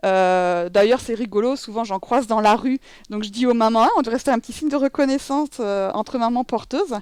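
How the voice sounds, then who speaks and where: Chatty French woman with a high voice. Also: a little mellow, no echo, studio quality. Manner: chatty, many fillers and self-corrections. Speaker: babywearing instructor. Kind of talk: demonstration tutorial. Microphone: headset.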